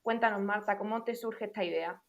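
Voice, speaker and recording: Young woman podcast co-host, clear and organized. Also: medium pitch, a little fast, lo-fi sound. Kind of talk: casual conversational podcast.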